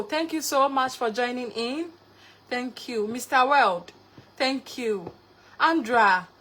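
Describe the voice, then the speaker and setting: On her live cooking stream, a young woman from Ghana calls out viewers by name and thanks them repeatedly. She has a Ghanaian accent, and her voice is on the high side with a bit of brightness.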